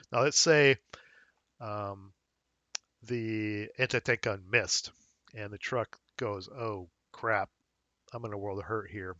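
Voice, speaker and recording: Slightly hoarse man thinking aloud. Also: lowish voice, fairly bright tone, no echo, lo-fi sound. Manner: casual, thinking aloud with fillers while checking rules. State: slightly hoarse, losing his voice. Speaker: wargame tutorial host. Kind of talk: screen-recorded game rules walkthrough.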